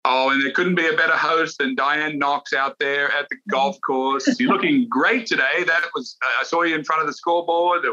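Male sports co-host, very bright tense tone, conversational, lo-fi audio. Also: fairly high pitch, steady tone, moderate pace, few pauses. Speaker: golf show co-host and former champion player. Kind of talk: casual chat.

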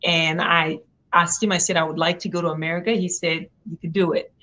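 Young woman from zimbabwe, guest on a talk show, lowish voice, earnest and reflective. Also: little pitch movement, brisk, pushed and bright, highs cut off. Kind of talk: interview conversation.

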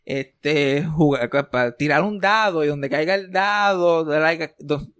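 High-voiced sarcastic man. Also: takes it slowly, smooth, no room sound, studio quality. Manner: sarcastic, animated storytelling with English words mixed in. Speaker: podcast co-host. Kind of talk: casual chat.

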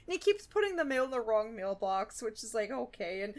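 A woman's voice: a little high, a little fast. A woman co-hosting a podcast, giggling often as she recaps a cartoon episode in casual chat. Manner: giggly, animated, acts out characters' lines. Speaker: podcast co-host.

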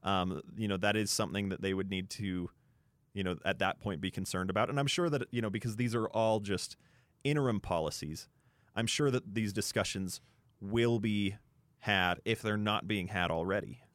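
Speaking off the cuff in an unscripted sports discussion, this man thinks out loud in a conversational style. His voice is fairly low, his speed normal, and no room sound is audible.

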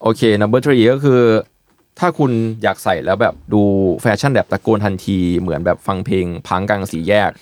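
A man hosting a casual podcast chat, explaining product details in a relaxed way with many fillers. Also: lowish voice, moderate pace, dry recording. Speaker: podcast host presenting eyewear.

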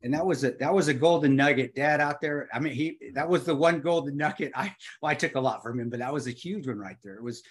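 A man's voice: medium pitch, fast talker, few pauses, breathy edge. A man in his early fifties, an interview guest, talking earnestly and reflectively, often restarting and repeating words. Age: 50s. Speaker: guest, former Army Ranger and firearms instructor. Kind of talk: reflective conversational storytelling.

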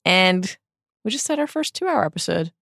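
A woman's voice: lowish voice, very animated, normal speed, creaky, fairly bright tone, no echo, studio quality. An American woman hosting a podcast, delivering a scripted intro and recap with playful banter and emphatic, dramatic flair. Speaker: podcast host and editor.

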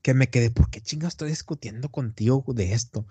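A man with a northern Mexican accent hosting a podcast in casual chat, rambling and animated, dropping slang constantly. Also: mid-range voice, a little fast, muffled recording, noisy background. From Tamaulipas, northern Mexico. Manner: rambling and animated, slangy, peppers lines with "güey". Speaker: podcast host.

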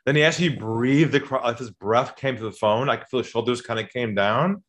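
A man who is a sales trainer on a podcast, telling stories and acting out phone calls, dropping to a calm low voice and jumping to excited high bursts. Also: a little fast. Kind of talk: podcast conversation, storytelling.

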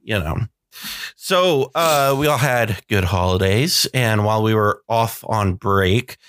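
A young man hosting a podcast in a relaxed, chatty way, full of fillers and laughs. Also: on the low side, takes it slowly, dry recording, studio quality. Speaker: podcast host. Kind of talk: casual podcast chat.

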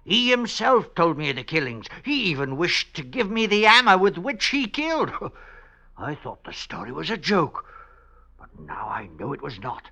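A cunning cackling jailbird, old-time radio, bright tone. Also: male voice, a little high, wildly swooping pitch, normal speed, full character voice. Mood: earnest. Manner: sly, with whispered asides and cackles. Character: sly male prisoner, cunning and gleeful. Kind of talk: 1950s radio drama acting.

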